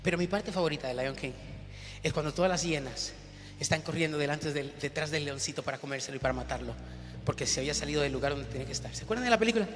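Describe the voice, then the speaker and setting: A woman's voice: sits low, very fast, a little hiss or hum. A woman pastor preaching a sermon in an emphatic way, repeating phrases and calling on the congregation to answer. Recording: long hall reverb with music behind.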